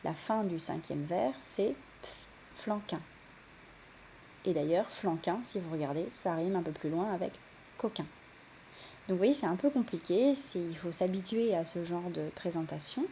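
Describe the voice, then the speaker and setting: Young female teacher, gravelly voice, patient explainer with fillers. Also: fairly low pitch, expressive, moderate pace, mellow, a little hiss or hum. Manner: explanatory, many fillers and restarts. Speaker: French literature teacher. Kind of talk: recorded lesson for students.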